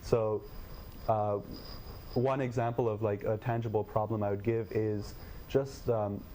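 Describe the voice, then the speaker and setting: A young man with a low, dark and mellow voice, answering interview questions. He talks in a measured, thoughtful way, pausing with fillers. A faint hiss of noise sits behind him. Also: little pitch movement. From Nepal. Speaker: guest, education tech company head.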